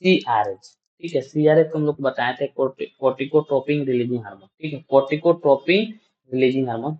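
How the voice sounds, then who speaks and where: A man's voice: mid-range voice, fairly quick, highs cut off. A man teaching a nursing class, quizzing students and often answering his own questions, repeating each term several times. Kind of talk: classroom lecture.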